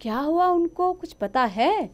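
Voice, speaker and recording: A woman reading the part of a brisk, concerned school teacher. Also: very high-pitched, lively intonation, voice pushed up.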